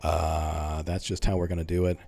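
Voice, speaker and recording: Deep-voiced man, monotone gaming commentary. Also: moderate pace, creaky. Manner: self-described monotone, relaxed and mumbling. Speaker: gaming YouTuber. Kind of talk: casual gameplay commentary. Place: home streaming setup, leaning back. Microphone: close microphone in front of mouth.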